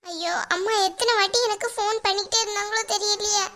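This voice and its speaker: A high, bright cartoon voice of a young wife, weepy and pleading, as a woman acts her out. The tone is sharp and light, full of guilt. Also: fairly even intonation, fast. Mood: guilt-ridden. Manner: tearful, pleading. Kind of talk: cartoon voice acting.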